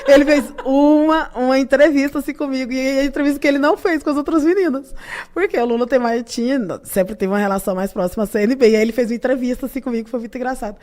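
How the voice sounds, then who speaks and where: A Brazilian woman with a Brazilian Portuguese accent, a podcast guest telling animated stories full of laughter. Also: high voice, fast talker. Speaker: guest, youth party leader. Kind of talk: casual storytelling interview.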